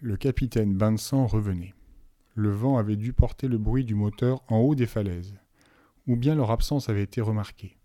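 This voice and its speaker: Low-voiced man reading a novel aloud. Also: moderate pace, mellow, no room sound, clean studio sound. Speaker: audiobook reader. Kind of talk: audiobook narration of a novel.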